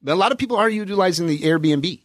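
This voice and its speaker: A man's voice: sits high, lively intonation, fast talker, dry recording. A man, a financial advisor on a radio talk show, explaining retirement planning in a casual, explanatory way with many fillers.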